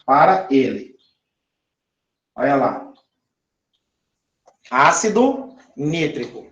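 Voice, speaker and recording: A man's voice: mid-range voice, big pitch swings, very slow, a bit bright, dull audio. A man teaching chemistry, drawing out words and often checking that his listeners follow. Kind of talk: recorded classroom lesson. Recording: echoey room.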